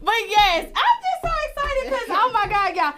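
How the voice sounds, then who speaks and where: A woman hosting a casual live internet radio show, chatty and excitable, repeating herself and giving listeners shout-outs. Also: very high-pitched, moderate pace, a loud crowd. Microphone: studio microphone.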